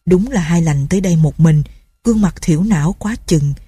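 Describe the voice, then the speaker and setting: A woman narrating an audiobook story in a steady, measured reading. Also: fairly low pitch, slightly rough, no echo, clean studio sound.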